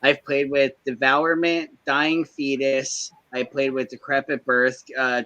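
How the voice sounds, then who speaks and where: Excitable, profane man in his thirties. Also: medium pitch. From California. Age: 30s. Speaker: podcast co-host. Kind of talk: casual chat.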